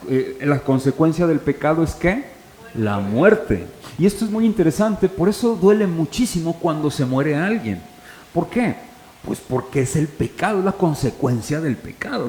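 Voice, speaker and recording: A man's voice: on the high side, dark tone, a little hiss or hum. Man preaching in an echoey church hall. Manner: conversational preaching with rhetorical questions to the congregation. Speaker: pastor. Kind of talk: sermon. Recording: echoey hall, faint ambience.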